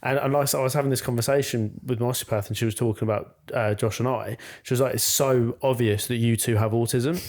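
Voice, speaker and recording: A man co-hosting a casual podcast, telling stories in a halting, rambling way. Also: mid-range voice, steady tone, darkish tone. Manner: rambling, halting, many fillers and restarts. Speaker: podcast co-host.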